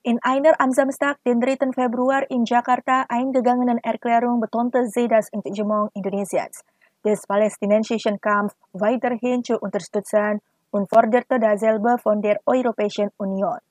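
A woman reading a scripted news report in an even, formal manner. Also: a little high, moderate pace, dry recording. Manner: even, formal read delivery. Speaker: news reader.

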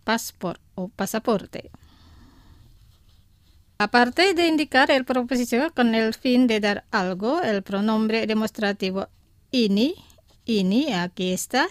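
A woman's voice: a little high, dry recording. A woman presenting a radio language lesson, reading from a script and carefully saying each phrase twice so that listeners can repeat it.

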